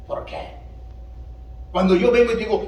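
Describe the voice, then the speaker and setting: Animated preaching man in an echoey church. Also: high-pitched, measured pace, far from the mic, highs cut off. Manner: animated preaching with rhetorical questions to the congregation. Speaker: pastor. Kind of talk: sermon. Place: church sanctuary.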